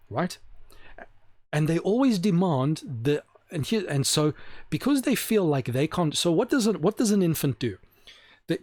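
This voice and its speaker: A man's voice: a little high, darkish tone, no room sound. A man giving an opinionated monologue to camera, rambling with restarts and asking rhetorical questions. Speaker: video host. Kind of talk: opinionated talking-head monologue.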